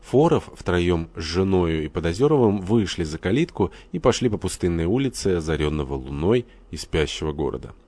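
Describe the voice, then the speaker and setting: Low-voiced male audiobook narrator. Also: big pitch swings, brisk, few pauses, darkish tone, husky, no echo.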